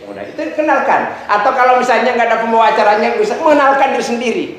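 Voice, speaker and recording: A middle-aged ustadz teaches a class on preaching in a casual, chatty lecture full of jokes and asides, acting out examples with shifting pitch. He speaks very fast in a slightly bright voice. The recording is very echoey, made in a large hall, with faint noise.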